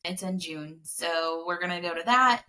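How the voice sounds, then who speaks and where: A woman's voice: fairly low pitch, normal speed, pushed and bright. A woman in her early forties, a podcast guest chatting casually and upbeat about her life. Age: 40s. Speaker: podcast guest, senior care advocate. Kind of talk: casual chat.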